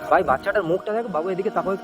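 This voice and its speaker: A man vlogging in the street, gently coaxing and soothing a small child while making emotional asides to a friend. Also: high-pitched, rapid-fire. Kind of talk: street vlog talking to a child. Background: music.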